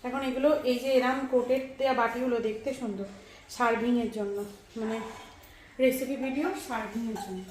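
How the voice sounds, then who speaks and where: A young woman with a West Bengal Bengali accent chats through a casual home vlog, holding things up for the camera. Her voice sits a touch high. The room is echoey, with faint noise behind. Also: steady tone, moderate pace, a little mellow. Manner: chatty, shows items to camera. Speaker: vlogger. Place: home, indoors.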